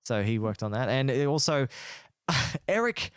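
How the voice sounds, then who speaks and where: A man co-hosting a casual gaming podcast, enthusiastic and quick to laugh. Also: mid-range voice, clear, resonant tone, no room sound, studio quality. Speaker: podcast co-host.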